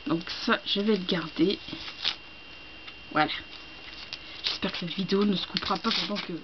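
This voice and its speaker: A young woman from France chatting casually as she unboxes gifts, gushing and excitable, with many hesitations and fillers. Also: mid-range voice, normal speed. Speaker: book vlogger. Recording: dull lo-fi home recording with faint hiss.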